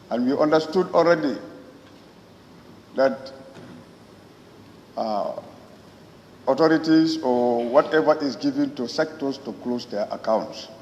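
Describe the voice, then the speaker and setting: Gambian guy mp giving a parliament speech, halting delivery, big echoey room, bit of background noise. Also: mid-range voice, a little mellow. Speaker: member of parliament. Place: large parliament chamber. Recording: echoey hall, muffled, faint noise.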